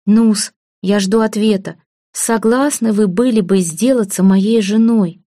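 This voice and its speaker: A woman's voice: mid-range voice, measured pace, warm tone, dry recording, clean studio sound, lightly acted. A woman voicing an earnest, impulsive young nobleman who speaks insistently.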